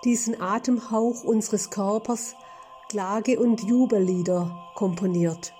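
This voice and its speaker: A woman delivering a scripted sermon in a slow, measured, contemplative way. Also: mid-range voice, steady tone, warm tone, soft background music. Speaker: preacher.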